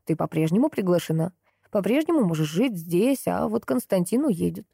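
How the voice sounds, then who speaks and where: A woman voicing a stern, wealthy older man who talks gruffly and later wheezes for air. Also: fairly low pitch, expressive, normal speed, warm tone, no room sound, studio quality, full character voice. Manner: gruff, then wheezing and gasping.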